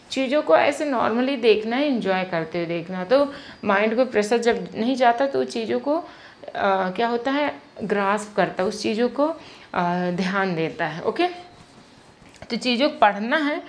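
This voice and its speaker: A woman's voice: mid-range voice, a little hiss or hum. A woman teacher, giving a lesson and patiently repeating and spelling out words.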